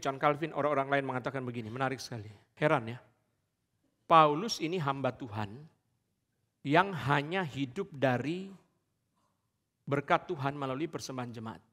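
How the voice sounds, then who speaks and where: A male pastor with a medium-pitched, fairly bright voice preaches emphatically, addressing the congregation again and again. The sermon rings with the long reverb of a large church hall.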